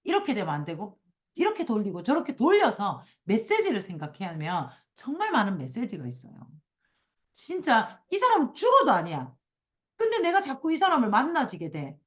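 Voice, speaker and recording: A woman with a mid-range voice hosts a casual book club discussion at a brisk pace, reading passages aloud. She is animated, acting out quoted complaints in a raised voice.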